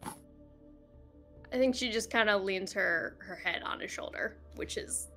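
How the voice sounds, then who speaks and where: A woman playing a tabletop game, softly describing what her character does. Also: mid-range voice, faint music behind. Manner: soft, unhurried, describing her character's actions. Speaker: player. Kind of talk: casual tabletop play.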